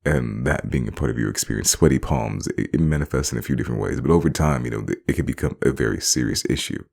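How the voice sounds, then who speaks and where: A man with an extremely deep, gravelly voice talks in a loose, rambling monologue. He circles back over his points, repeats words and breaks into laughter between phrases. The delivery is casual and unscripted. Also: fast, a little mellow. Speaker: vlogger.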